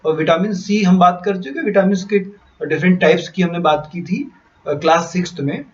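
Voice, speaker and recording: A man's voice: high-pitched, fairly quick, darkish tone, dull audio. A man teaching a science class, going down a list and asking the class questions. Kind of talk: classroom lecture in Hinglish.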